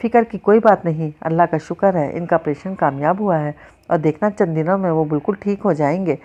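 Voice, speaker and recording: A woman voicing a young man, a gentle and protective older cousin, calm and soothing in an audiobook reading. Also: on the low side, dull audio, close to an everyday voice.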